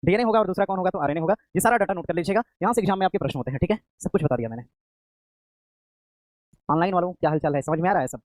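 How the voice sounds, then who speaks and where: Rapid-fire male coaching teacher, drilling. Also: high-pitched, no room sound. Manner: drills by asking and answering his own questions; repeats key terms again and again. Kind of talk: exam-prep lecture. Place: classroom streamed live online.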